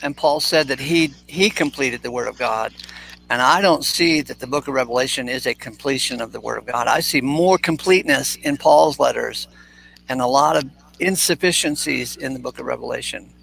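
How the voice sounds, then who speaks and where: A man's voice: medium pitch, normal speed, gravelly, a bit bright, a little hiss or hum. A man in his sixties hosting a casual chat, talking bluntly and with energy, swearing freely. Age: 60s. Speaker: host.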